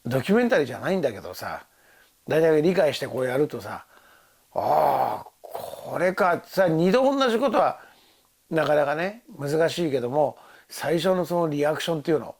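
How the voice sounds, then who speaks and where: Husky older man telling a rambling story. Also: fairly high pitch, sing-song, a little fast, darkish tone. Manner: rambling storytelling with laughs and quoted voices. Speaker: actor recalling a film shoot. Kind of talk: casual tipsy monologue.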